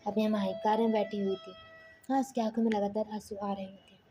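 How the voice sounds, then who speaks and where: A woman's voice: medium pitch, flat delivery, fast, music in the background, low-quality recording. A woman narrating a spoken story casually, often restarting her sentences and sometimes whispering. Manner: loose, self-correcting, partly whispered.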